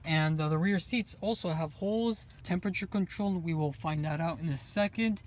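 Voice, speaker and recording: A man's voice: a little high, normal speed. A man giving a chatty, enthusiastic car review while recording himself on a handheld phone outdoors at a car lot. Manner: chatty, enthusiastic, pointing things out. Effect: phone video recording. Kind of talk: casual walk-around car review. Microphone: phone camera held in hand.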